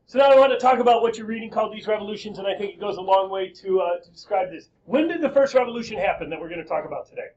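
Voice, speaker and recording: Male teacher, lively and joking, high voice, slightly muffled classroom recording with faint hiss. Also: rapid-fire, hardly any pauses. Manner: lively, joking, quizzing students. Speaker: high school history teacher. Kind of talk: classroom lecture.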